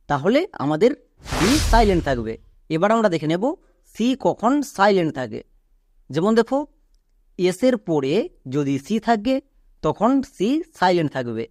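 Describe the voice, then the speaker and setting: A patient language teacher works through pronunciation rules slowly and over and over, spelling each word out letter by letter and stopping to quiz the learner. The voice sits at an ordinary middle pitch. It sounds close and dry, with no room echo at all. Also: a little mellow. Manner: patient, repetitive, asks the listener questions. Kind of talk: spelling-out classroom lesson.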